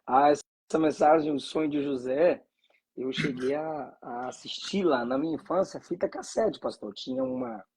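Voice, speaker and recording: A man's voice: fairly high pitch, expressive, normal speed, gravelly, a little mellow, low-quality recording. A man from Bahia, a pastor, speaking with fervent preacherly cadence and frequent hallelujahs. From Bahia, Brazil. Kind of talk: conversation and preaching reflection.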